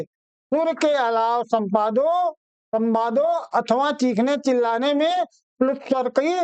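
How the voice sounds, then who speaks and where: A man teaching an exam-prep grammar lesson, calling his students children and repeating each phrase slowly so they can write it down. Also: very high-pitched, clean tone, no echo.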